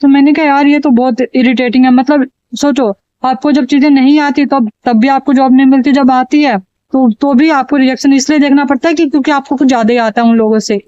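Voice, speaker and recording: High-voiced exasperated woman vlogging. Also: fairly even intonation, fairly quick, dark tone, dry recording, lo-fi sound. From India. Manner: exasperated, chatty, repeats phrases for emphasis. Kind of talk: casual ranting vlog to camera.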